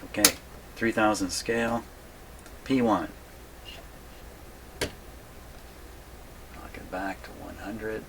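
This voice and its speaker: With a lowish voice, drawn-out words, and frequent pauses, a man casually works through an electronics repair on video. He's in his home radio workshop, thinking aloud and muttering to himself as he demonstrates. The audio is clear, though background noise is audible.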